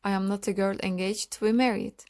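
A woman's voice: medium pitch, fairly even intonation, brisk, darkish tone, lightly acted. A woman voicing a proud young countess in an audiobook, reading her lines sharply and imperiously.

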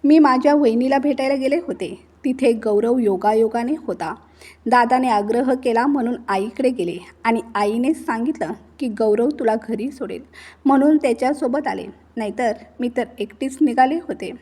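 A woman's voice: fairly high pitch, moderate pace, warm tone, lightly acted. Storybook role: a pleading, indignant young wife, read by a female narrator. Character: angry, frightened young wife defending herself.

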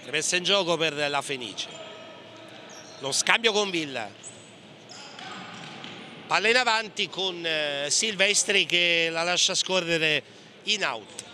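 A man's voice: fairly high pitch, lively intonation, takes it slowly, pauses often, sharp tone. A man commentating live on a futsal match in clipped play-by-play with hesitations, passing from name to name. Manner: clipped running play-by-play, naming players pass by pass, with hesitations. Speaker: sports commentator. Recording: gym ambience with clear background noise. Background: indoor sports hall sounds, bouncing ball.

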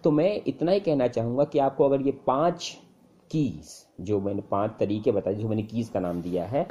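A man's voice: moderate pace, highs cut off. A man teaching English speaking tips in a casual spoken lesson, full of fillers and repeated phrases. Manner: conversational, many fillers and repeated phrases, lively pitch jumps.

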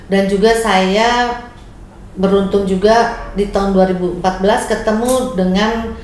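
A woman's voice: medium pitch, steady tone, measured pace. A woman, a family caregiver, talking through practical tips in an earnest, conversational way. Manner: earnest, practical, mixes in English words. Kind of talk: conversational interview answers. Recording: very echoey room, faint noise.

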